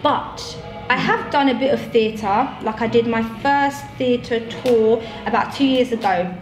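A young actress, chatting casually in an interview and filling her talk with "um" and "like." Her voice sits a little high, in a roomy space with music playing clearly underneath. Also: measured pace. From born in Zambia, raised in Northwest London. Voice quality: chatty, lots of fillers like um and like.

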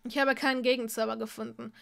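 A woman's voice: on the high side, level tone, fast, creaky. A woman voicing a bitter, desperate young male wizard student in a storybook reading, pleading and snapping.

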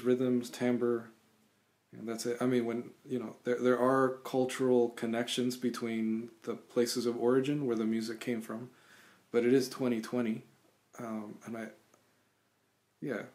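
A man in his thirties, born in Cuba, answering interview questions thoughtfully over a video call from a small room at home, with frequent pauses and restarts. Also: mid-range voice, flat delivery, a little mellow. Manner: thoughtful, halting, many restarts and fillers. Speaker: guest musician. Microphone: webcam on video call.

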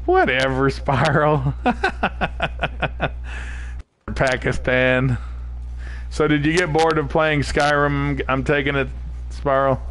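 A man from New England chats loosely while playing a shooter on stream, reading viewers' messages out loud as he rambles. His medium-pitched, fairly bright voice barely moves in pitch, and he speaks slowly with frequent pauses.

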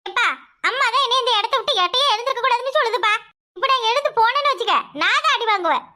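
A cheeky schoolgirl who protests and pleads in a high, bright voice, played by a woman. She has a Tirunelveli Tamil accent. Her words tumble out fast. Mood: protesting. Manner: pleading, quick and chirpy. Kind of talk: cartoon voice acting.

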